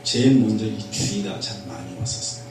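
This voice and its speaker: A middle-aged man preaching a fervent revival sermon as a pastor, moving between loud exhortation and quiet personal testimony. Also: on the low side, brisk. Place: prayer retreat hall. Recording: echoey hall from far off, faint hum.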